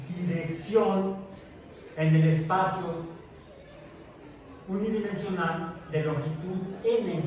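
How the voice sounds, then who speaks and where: A male science teacher giving a classroom physics lecture, explaining step by step with restarts and checks. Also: high-pitched. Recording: echoey classroom from far off, noisy.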